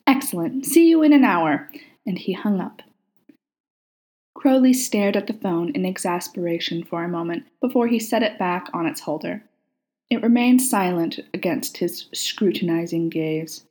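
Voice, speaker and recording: A woman narrating a story aloud in a calm, even storytelling manner. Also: on the low side, normal speed. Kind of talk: reading fan fiction aloud.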